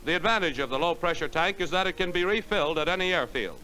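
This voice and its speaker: A man narrating a 1940s wartime newsreel in a crisp, measured announcer delivery, heard as an old newsreel soundtrack. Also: on the high side, expressive, sharp tone. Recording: noisy archival film soundtrack.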